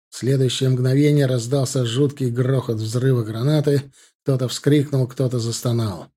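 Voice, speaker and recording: A man narrating a novel in the first person as an audiobook reader, in a steady, measured way. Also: mid-range voice, slightly rough.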